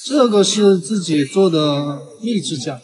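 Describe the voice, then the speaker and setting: A man's voice: high-pitched, animated, unhurried. A young man chatting casually with a customer as a food stall vendor. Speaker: hot dog stall vendor. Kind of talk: casual chat. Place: night street food stall. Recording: street stall, crowd noise.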